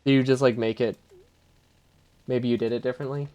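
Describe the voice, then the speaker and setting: A man's voice: medium pitch, fairly even intonation, fairly quick, a little mellow, lo-fi sound. A man streaming a video game live, thinking aloud, chuckling often and answering his chat in a casual, easily amused way.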